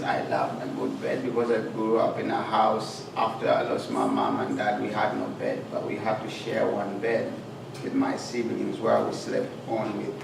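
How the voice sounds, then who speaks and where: Earnest Ugandan-born speaker, gravelly tone, recorded from a distance in a reverberant hall. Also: male voice, medium pitch. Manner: earnest, plain-spoken storytelling with pauses. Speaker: guest speaker. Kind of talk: personal life story talk. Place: club meeting room. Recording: echoey hall, far from mic, noisy.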